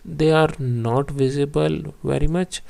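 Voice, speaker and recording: A man vlogging while wearing clear teeth aligners and in pain from them, explaining in a plain, halting way with many fillers. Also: on the high side, steady tone, a little mellow. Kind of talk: casual vlog walkthrough.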